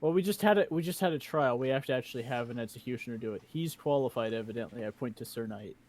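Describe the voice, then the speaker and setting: A man's voice: medium pitch, fast talker, a little mellow. A man chatting casually as a tabletop game player, explaining and arguing his points.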